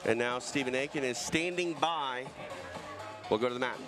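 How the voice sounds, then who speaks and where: An upbeat male play-by-play voice calling grappling at a mid pitch. He sits at a commentary desk, with music playing clearly behind him. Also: normal speed. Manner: upbeat, hands off to the mat announcer.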